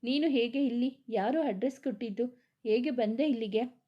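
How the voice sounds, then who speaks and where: A woman voicing a gentle, soothing middle-aged mother who is unwell, in a storybook reading. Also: on the high side, normal speed, lo-fi sound, lightly acted.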